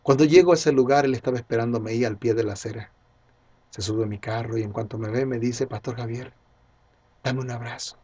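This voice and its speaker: A man's voice: mid-range voice, steady tone, fast talker, warm tone, husky, lo-fi sound. A pastor preaching a sermon, earnestly calling his listeners dear friends. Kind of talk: radio sermon.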